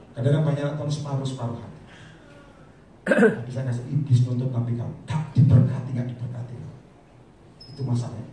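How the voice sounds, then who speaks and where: A man preaching a sermon to a congregation, swinging from loud shouted lines to low, quiet asides and calling them brother. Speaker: evangelist preacher. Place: large church hall. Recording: echoey hall, mic from a distance, faint hiss.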